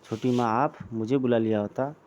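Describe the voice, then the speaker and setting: A man's voice: medium pitch, steady tone, normal speed, a little mellow, lo-fi sound, a little hiss or hum, natural voice. A man reading aloud the lines of a righteous young male hero from a comic. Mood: determined. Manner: earnest, demanding.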